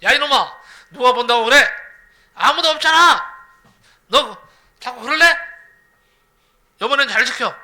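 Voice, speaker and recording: A man voicing an irritated country father who shouts and scolds his young son. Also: high voice, moderate pace, voice pushed down. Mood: angry scolding.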